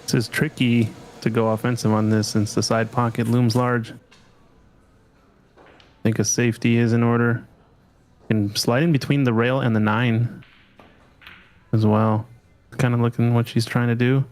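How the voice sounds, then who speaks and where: A man's voice: medium pitch, flat delivery, unhurried, pauses often, a little mellow. A man doing live play-by-play commentary on a pool tournament, chatty and asking his co-host questions.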